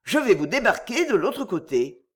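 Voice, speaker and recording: A reader voicing a smooth-talking male abductor in a storybook, calm and coaxing. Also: mid-range voice, moderate pace. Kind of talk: storybook reading.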